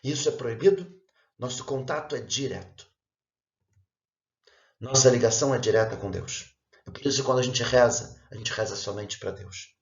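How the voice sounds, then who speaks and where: A man giving an earnest religious lesson, explaining each point in a measured way. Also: mid-range voice, echoey room, dull audio. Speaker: religious teacher.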